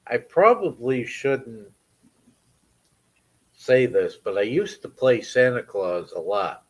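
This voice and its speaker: A man with a Maine accent in casual chat, telling an animated story and laughing, his voice leaping up when amused. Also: medium pitch, takes it slowly, breathy edge.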